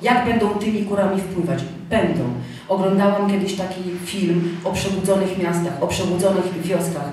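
A woman's voice: fairly low pitch, normal speed, darkish tone. Woman preaching in a very echoey hall. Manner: repeats key phrases, checks in with listeners. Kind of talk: sermon with personal anecdotes. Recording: very echoey hall, mic far off, faint noise.

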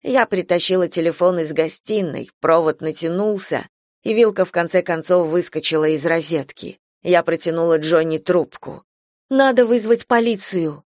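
A man's voice: a little high, fairly even intonation, moderate pace, dry recording, clean studio sound. Man reading a first-person novel. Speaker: audiobook reader. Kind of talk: first-person literary narration.

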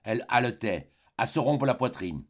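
Male audiobook narrator, mid pitch, measured and dramatic phrasing. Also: lively intonation. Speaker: audiobook reader.

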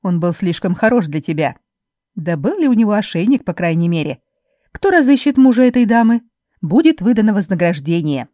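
A woman voicing a spiteful young laundress who loudly taunts and mocks her rival in an audiobook. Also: big pitch swings, brisk, no room sound, studio quality, lightly acted. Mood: jeering. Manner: loud, mocking, shrill taunting.

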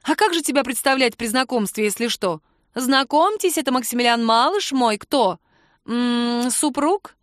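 A woman voicing a playful, witty young woman who teases lively and mock-indignantly, in a dry close recording. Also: a little high, moderate pace, dry recording, pitched above the performer's own voice, lightly acted. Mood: teasing.

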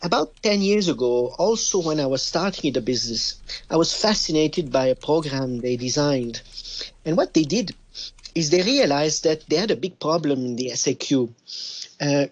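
A man's voice: fairly high pitch, expressive, moderate pace. A man from Quebec with a French-Canadian accent, a wine business guest talking on a radio show over the phone, with many hesitations and restarts. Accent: Québécois French.

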